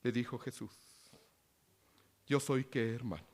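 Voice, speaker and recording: A man preaching a sermon, reading scripture quietly and rising into loud appeals with questions to the congregation. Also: medium pitch, fairly even intonation, measured pace. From Latin America.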